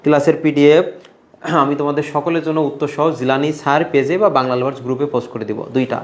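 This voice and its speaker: A man's voice: fairly high pitch, fairly even intonation, fast talker. Coaxing male Bangladeshi exam tutor. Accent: Bangladeshi Bengali. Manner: coaxing, repetitive teaching, addresses students by name. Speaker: admission coaching teacher. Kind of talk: online exam-prep class.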